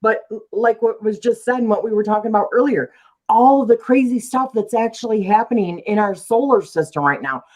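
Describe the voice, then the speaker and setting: A woman's voice: fairly high pitch, a little fast, a little mellow. A woman hosting a casual live-stream chat, talking loosely, laughing easily and reading out viewer comments. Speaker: host of a live chat show.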